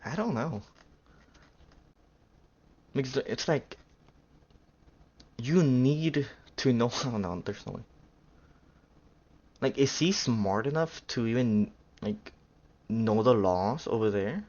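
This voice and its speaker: A man's voice: medium pitch, expressive, slow pace, long pauses, a little mellow. Rambling man reacting on a dull mic. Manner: rambling, unsure, full of fillers and self-corrections. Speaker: reaction streamer. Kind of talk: casual reaction commentary.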